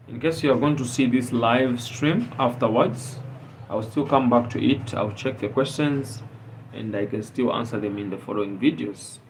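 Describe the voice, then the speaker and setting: A man's voice: medium pitch, noisy background. A man from Zambia hosting a casual live stream, talking earnestly with many fillers and rhetorical questions.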